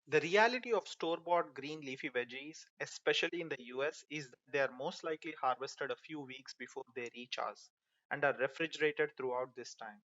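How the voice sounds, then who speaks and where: An Indian man hosts his own gardening video, guiding viewers through numbered tips in a friendly, instructive narrated tutorial. His voice is on the high side and a bit bright, with no room sound, though the recording is muffled.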